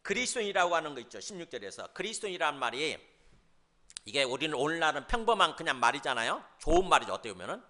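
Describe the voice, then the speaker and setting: Male pastor, bright lively sermon delivery, high pitch, questions to the pews. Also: rapid-fire. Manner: animated, acts out quoted voices, asks the congregation questions. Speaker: senior pastor.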